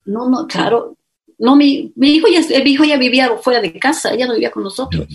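A middle-aged Ecuadorian-accented woman, appearing as an interview guest, earnestly tells her life story and acts out what others said to her. Her voice is on the high side and brisk, her storytelling animated and full of quoted dialogue.

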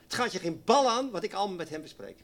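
A man preaching a sermon, swinging from loud exclamations to hushed, near-whispered lines. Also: high-pitched, sing-song, quick pace.

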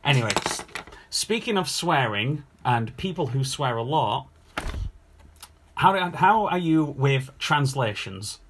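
A man's voice: medium pitch, slow pace, a little hiss or hum. A man hosting a podcast in casual chat, running a quiz with jokes and teasing. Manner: jokey, teasing, lively.

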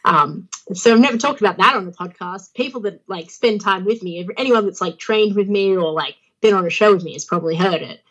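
Brisk and nearly pause-free, the young Australian woman talks at a medium pitch with a fairly bright tone, sounding phlegmy while she laughs often and uses lots of fillers. She's a pro wrestler chatting casually as an interview guest, captured in a low-quality recording.

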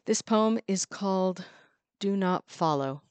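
A woman's voice: medium pitch, takes it slowly, darkish tone, clean tone, no room sound. A woman reading her own poetry. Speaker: poet.

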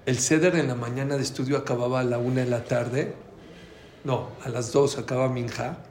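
A man with a Mexican accent telling a story in a talk, acting out the dialogue with lively changes of voice. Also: medium pitch, fairly quick, a little hiss or hum. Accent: Mexican Spanish. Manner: animated, acts out quoted dialogue. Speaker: speaker giving a talk. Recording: echoey room.

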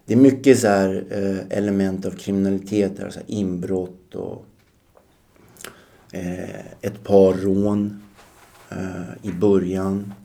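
A man in his forties recounts his past as a podcast guest. His voice sits low with a gravelly edge and a dark tone. He speaks reflectively, with frequent hesitations. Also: flat delivery. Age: 40s. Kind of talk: personal storytelling.

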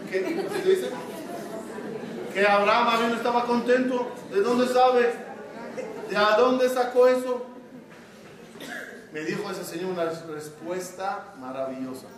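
A man's voice: high voice, fairly even intonation, a little slow, long pauses, a crowd in the background. A man teaching a religious class to a live audience as a rabbi, often questioning the listeners and then answering himself. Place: large hall with an audience. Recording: very echoey hall, mic far off.

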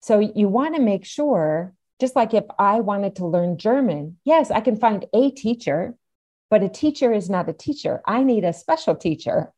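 A woman's voice: medium pitch, lively intonation, normal speed, warm tone. A middle-aged or older woman, explaining things as an interview guest and stressing key points emphatically. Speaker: podcast guest, aphasia advocate.

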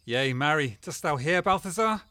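A man's voice: on the high side, expressive, moderate pace, pushed and bright. An actor playing a genial prince who teases his singer and plots with his friends in courtly speech. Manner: courtly, playful, teasing. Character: genial, commanding male prince. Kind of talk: stage play performance.

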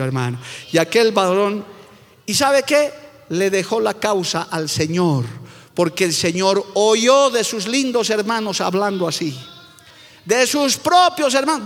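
High-voiced Bolivian pastor preaching emphatically. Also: male voice, fairly bright tone, in a large hall. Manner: emphatic preaching, constantly calls listeners "brother". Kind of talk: sermon.

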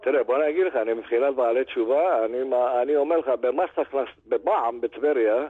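An older man and grandfather calling in to a radio show, telling a story in an animated way and acting out the dialogue. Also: mid-range voice, slightly rough. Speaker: caller. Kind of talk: phone-in storytelling. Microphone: telephone. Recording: tinny phone line.

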